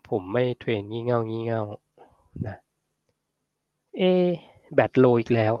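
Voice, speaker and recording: A man speaks in a relaxed, chatty way while hosting a livestream and answering viewer questions. His voice sits at a middle pitch. The sound is dry and close, a little dull and muffled. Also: a little slow, no room sound. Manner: relaxed, chatty, ends phrases with polite particles. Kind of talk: casual livestream talk on health.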